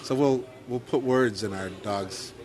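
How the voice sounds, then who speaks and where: A middle-aged podcast co-host with a Midwestern accent speaks in a mid-range, somewhat mellow voice, a little slowly. Casually, he walks through his career story. Plenty of fillers and self-deprecating asides come up along the way.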